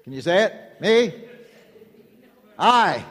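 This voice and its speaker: Male preacher, higher-pitched voice, emphatic repetitive delivery with call-and-response, long hall echo. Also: big pitch swings, takes it slowly, fairly bright tone. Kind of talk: sermon.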